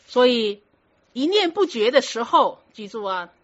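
A woman's voice: on the high side, big pitch swings, unhurried. A woman giving a Buddhist dharma talk, instructing her students firmly and checking with rhetorical questions as she explains. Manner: conversational, rhetorical questions to the listeners; firm, instructive. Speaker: Buddhist teacher. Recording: muffled lo-fi recording.

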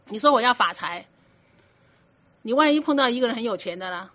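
A woman's voice: a little high, animated, brisk, fairly bright tone. A woman giving a Buddhist dharma talk, instructing her students firmly and checking with rhetorical questions as she explains. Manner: conversational, rhetorical questions to the listeners; firm, instructive. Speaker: Buddhist teacher. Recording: muffled lo-fi recording.

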